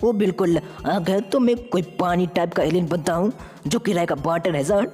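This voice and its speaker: A woman's voice: lowish voice, moderate pace, warm tone, lightly acted. A woman voicing an earnest young male hero in a fan-made game story, talking to himself as he goes. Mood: eager. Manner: eager, earnest, talks to himself while acting. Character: brave young male hero who turns into aliens. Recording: reverberant with faint music.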